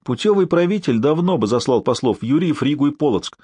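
A male narrator voicing a brisk, cheerfully scolding professor and doctor in an audiobook. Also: on the high side, lively intonation, mellow, husky, no room sound, studio quality, pitched above the performer's own voice.

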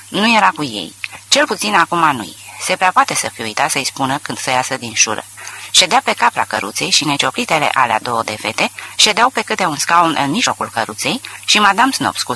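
A man narrating a literary audiobook in an expressive storytelling manner. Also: medium pitch, slightly rough, low-quality recording.

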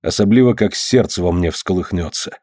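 A proud, hot-tempered boyar lord of old Russia, as a male reader does him, grave and archaic in his speech. The voice is low-toned and mellow. It sounds dry and close to the mic. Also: brisk, breathy edge, no echo. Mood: indignant. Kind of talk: audiobook reading.

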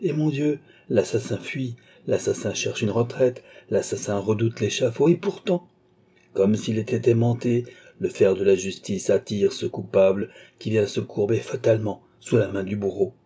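A man's voice: lowish voice, moderate pace, dark tone, breathy edge. A man voicing a grave older doctor in a novel reading, exhorting with solemn authority. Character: stern older male doctor, grave moralist. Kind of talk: audiobook character voice.

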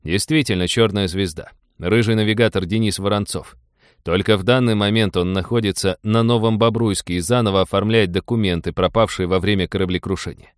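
Weary starship captain, deep voice, dry close audiobook read, by a man. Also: steady tone, brisk, clean tone, no room sound, close to an everyday voice. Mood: grim.

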